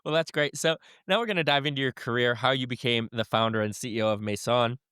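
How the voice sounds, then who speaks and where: A man's voice: medium pitch, fast talker, sharp tone, clean tone, no echo, clean studio sound. A man co-hosting a podcast, asking questions with brief upbeat reactions. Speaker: podcast co-host. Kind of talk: casual interview hosting.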